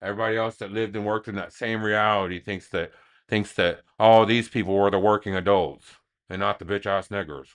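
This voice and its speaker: A man rambling like a stoner in a casual livestream chat, halting and repeating himself as he goes. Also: on the low side, steady tone, clean tone. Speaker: livestream host. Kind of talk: casual rambling open chat on a smoke session stream.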